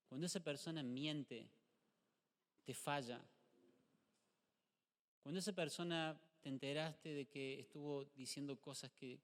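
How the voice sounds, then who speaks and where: A middle-aged male pastor with an Argentine Spanish accent, preaching a lively sermon and asking the congregation rhetorical questions. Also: a little high. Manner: animated, acts out short dialogues, rhetorical questions to the congregation. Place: church hall. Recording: live church stream with long hall reverb.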